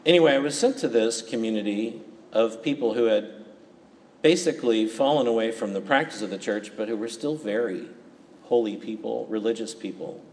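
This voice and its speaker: A man, a priest, reading the Gospel and preaching at Mass in a calm, steady way, his voice carried by a long cathedral-like church echo. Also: fairly low pitch, normal speed. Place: large church. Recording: reverberant church, faint background noise.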